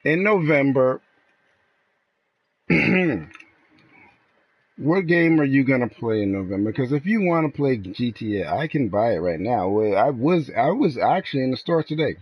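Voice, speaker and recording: A man's voice: mid-range voice, big pitch swings, moderate pace, pauses often, slightly rough, no room sound, highs cut off. A man streaming a game who argues with a friend in casual banter, mocking him and swearing freely. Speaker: gaming streamer.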